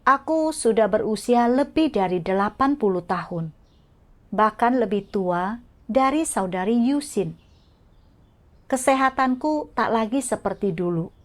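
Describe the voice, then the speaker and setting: A woman narrating a devotional testimony, her voice sitting a touch high. She reads at an unhurried, deliberate pace, evenly and carefully, as scripted narration. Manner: slow, measured, even reading. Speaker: reader of faith testimonies.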